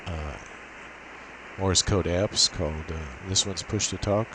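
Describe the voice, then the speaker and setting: Speaking low and slowly, a man walks through a setup step by step without a script. He is an amateur radio demonstrator, methodical in his technical explanation, with steady hiss and noise behind his voice.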